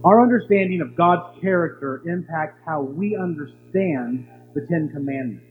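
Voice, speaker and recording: A man's voice: fairly high pitch, expressive, normal speed. A man preaching a sermon as a pastor, teaching with rhetorical questions. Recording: tinny, hall reverb, faint hum.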